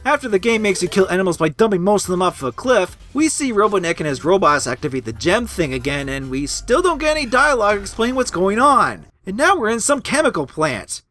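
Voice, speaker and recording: High-pitched raging gamer man, sharp and ranting. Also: big pitch swings, brisk, hardly any pauses, faint music behind. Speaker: video game reviewer. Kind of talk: comedic angry gamer parody review, scripted narration with outbursts.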